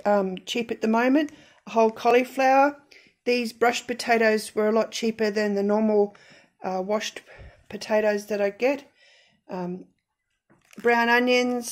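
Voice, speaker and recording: A woman's voice: a little high, a little mellow. A middle-aged woman, casually talking through her grocery haul with frequent ums and self-corrections. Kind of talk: casual voice-over showing groceries.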